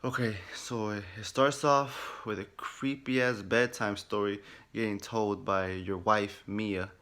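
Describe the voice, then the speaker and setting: A man's voice: on the low side, slow pace. A man recapping a video game at home in his room, telling it animatedly, swearing heavily and acting out reactions. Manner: animated storytelling, heavy swearing, acts out reactions. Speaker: gaming vlogger. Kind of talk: casual game first-impressions recap.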